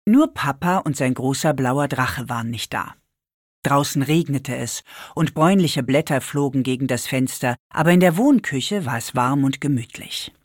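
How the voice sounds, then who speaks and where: Low-voiced woman reading a children's story. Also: normal speed, no room sound, clean studio sound. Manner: lively storytelling voice. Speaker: narrator.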